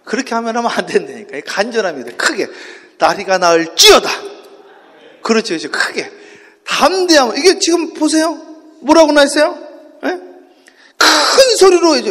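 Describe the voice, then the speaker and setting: A man preaching an early-morning sermon, swinging from hushed talk to shouting and leading the congregation in call-and-response. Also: very high-pitched. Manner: impassioned, shifts from hushed to shouting. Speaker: pastor. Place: church sanctuary. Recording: long church hall reverb.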